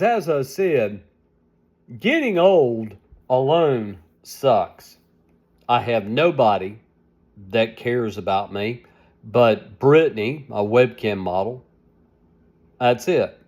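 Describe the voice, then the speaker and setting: Older man in his seventies, slow rambling vlog talk, sleepy and tired, pitch swinging up and down. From United States. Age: 70s. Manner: rambling, complaining, repeating himself. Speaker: vlogger. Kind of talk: casual vlog monologue.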